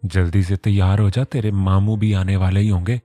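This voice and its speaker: A man's voice: sits low, level tone, normal speed, warm tone, dry recording, faint music behind, close to an everyday voice. A man voicing a scolding but affectionate middle-aged mother in a storybook reading.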